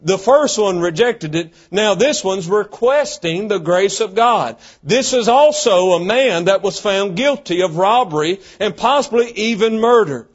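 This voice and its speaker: A man's voice: high-pitched, expressive, a little slow, few pauses. A man preaching a sermon, with an emphatic, repetitive cadence. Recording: dull lo-fi recording.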